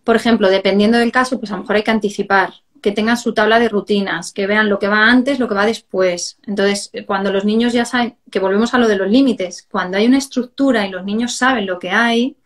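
A woman, a positive discipline educator, chatting on a live stream and telling parenting stories in a lively, explanatory way. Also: mid-range voice, fairly quick, hardly any pauses. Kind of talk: casual chat on a live stream.

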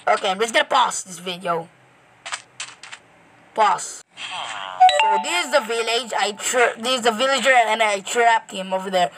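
A woman chats her way through a game, rambling and excitable as she talks straight to viewers. Her voice sits at an ordinary pitch for a woman. A clear hiss runs under the home recording, with clicks throughout. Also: moderate pace, pauses often. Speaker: gameplay commentator. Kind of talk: casual gameplay commentary.

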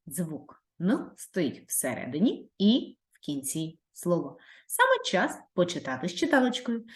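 A woman teacher speaks with a Ukrainian accent, leading a video lesson for young children. Her voice rises and falls in a lively, sing-song way, and she draws the sounds out with encouragement. The room around her gives a noticeable echo. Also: on the low side, a little slow. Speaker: primary school teacher.

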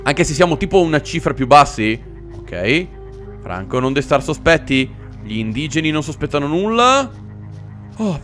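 Animated man doing game commentary. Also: fairly high pitch. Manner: animated, jokey, exclamatory. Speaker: gaming channel host. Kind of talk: let's play commentary.

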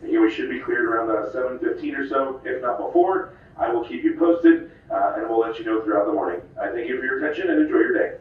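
Fast-talking man over ship loudspeaker. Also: mid-range voice, wildly swooping pitch, narrow, tinny audio. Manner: repetitive, reassuring announcer patter. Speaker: cruise director. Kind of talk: ship public address announcement. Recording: distant echoey ship loudspeaker.

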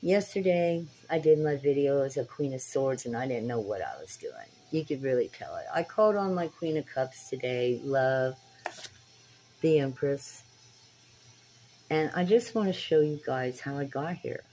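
A woman's voice: very deep voice, animated, moderate pace, mellow, a little hiss or hum, poor audio. A woman in her sixties talking earnestly to a phone camera in a small dim room, preaching directly to her viewers. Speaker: spiritual tarot vlogger. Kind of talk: casual talk to camera. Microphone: phone camera at arm's length.

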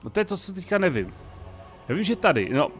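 A man's voice: sits high, very animated, a bit bright, soft background music. A Czech man casually commenting on a strategy game, thinking aloud and talking to the characters on screen. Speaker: gaming let's-player.

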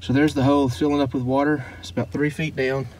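A little hiss or hum runs under this man's mid-range, darkish voice, which he delivers flatly and fast. As host of a relic-hunting vlog, he speaks earnestly and devoutly to viewers while digging outdoors in woods or fields.

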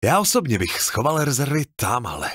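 A man's voice: mid-range voice, big pitch swings, slightly rough, no echo, clean studio sound, pitched above the performer's own voice. Man voicing a panicked young soldier. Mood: tense. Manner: urgent, shouting.

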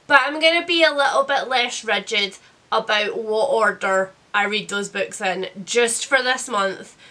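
A woman's voice: fairly high pitch, bright, forceful tone. A woman in her thirties, sounding sick with a cold, chats casually about books in a chatty, self-deprecating way. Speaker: book vlogger. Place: indoors, small book-lined room.

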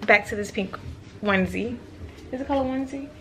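A woman's voice: fairly high pitch, fast, soft background music. A young woman chatting casually to her camera in a resort hotel room, giggly and talking to her viewers as y'all. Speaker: vlogger. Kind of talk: casual travel vlog to camera. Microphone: handheld camera at arm's length.

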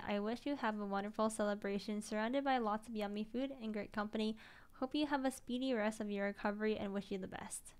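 A tired young woman streamer chatting casually as she reads viewer messages aloud, gushing and emotional, sometimes dropping to a soft whisper. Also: mid-range voice, clean tone.

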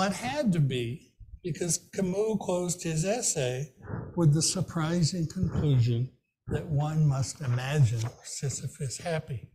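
Older guy preaching a sermon, slightly high voice, reading slow from notes into a stand mic. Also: dark tone, husky, poor audio. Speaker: minister. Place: small church room, indoors.

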